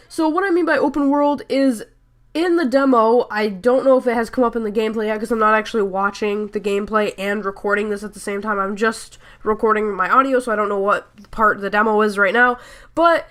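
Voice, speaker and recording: A young woman who is a gaming YouTuber rambles through a chatty, casual voice-over, her speech full of fillers and self-corrections. She has a stuffy nose and a sore throat, and her voice is a little high and fairly bright.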